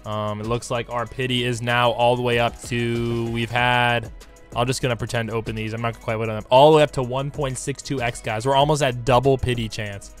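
A man with a hoarse, raspy smoker's voice, recovering from losing it, giving slangy, hyped game commentary to his viewers over music. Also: mid-range voice, flat delivery, a little fast. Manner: slangy hype talk addressed to viewers. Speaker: gaming YouTuber. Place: indoor room at a computer. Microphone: desk microphone close to the mouth.

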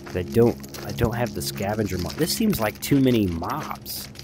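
A man's voice: fairly low pitch, expressive, moderate pace, loud music behind the voice. A man giving casual, rambling gameplay commentary as a video host, chatty, informal and self-deprecating.

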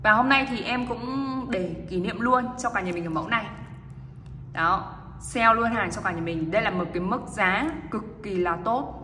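A woman selling watches in a casual, insistent hard-sell pitch, repeating herself and often checking for agreement. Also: normal speed, bright, forceful tone, big-room sound, slight background noise. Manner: repetitive, insistent, seeking agreement with tag questions. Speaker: online watch seller. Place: indoor watch display table.

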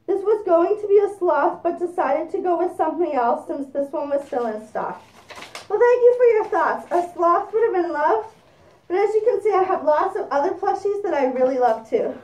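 High-voiced woman talking through a costume head. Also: expressive, normal speed, darkish tone, echoey room, far from the mic, rough recording. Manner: chatty, narrates while opening gifts. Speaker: vlogger. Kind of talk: casual unboxing chat.

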